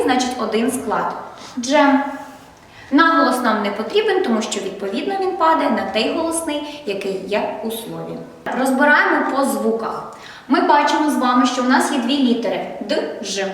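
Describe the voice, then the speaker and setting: A woman primary school teacher giving a first-grade literacy lesson, speaking slowly and clearly, asking questions and praising answers. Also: sits high, very echoey, in a large hall, far from the mic. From Ukraine.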